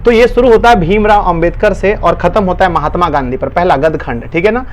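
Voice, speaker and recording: A man's voice: high voice, fairly quick, a little hiss or hum. A male online tutor with a Bihari Hindi accent, giving an urgent, coaxing exam-prep lesson to students.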